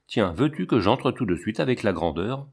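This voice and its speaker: A man's voice: fairly low pitch, moderate pace, gravelly, husky, exaggerated voice. A man reading a storybook, voicing a bold, eager little girl, the daughter of an animal tamer. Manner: excited, pleading.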